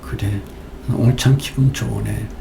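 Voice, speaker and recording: A male pastor voicing a gentle, coaxing wife who speaks softly and sweetly to her husband, in a sermon. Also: lowish voice, steady tone, measured pace, gravelly, roomy sound, noisy background.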